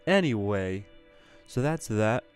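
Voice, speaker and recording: A man's voice: lowish voice, expressive, slow, clear, resonant tone, faint music behind. A young man hosting a gaming channel, chatting casually over gameplay with a groggy morning voice that sounds a little congested. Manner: chatty, rambling, upbeat.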